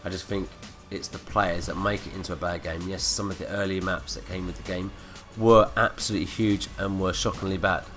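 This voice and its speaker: A man's voice: low-pitched, steady tone, fairly quick, hardly any pauses, a bit bright. A man with a blocked nose from a cold, ranting and swearing through gameplay commentary. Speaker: gaming commentator. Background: faint background music.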